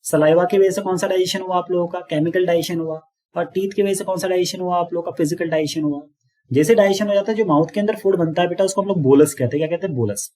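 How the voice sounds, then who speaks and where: Husky-voiced male biology teacher. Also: high-pitched, quick pace, darkish tone. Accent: Indian English terms mixed into Hindi. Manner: explains patiently, keeps asking students if they understood. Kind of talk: online classroom lecture.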